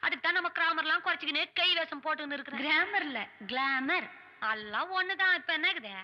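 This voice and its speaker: A woman playing a boastful, easily frightened fortune teller in a film comedy, with quick mock-brave banter. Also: extremely high pitch, lo-fi sound. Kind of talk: Tamil film comedy dialogue.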